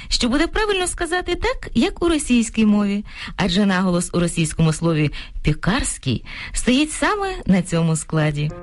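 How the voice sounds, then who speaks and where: A woman co-hosting a scripted radio program on language, explaining pronunciation clearly. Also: fairly high pitch. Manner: clear, explanatory, lively intonation.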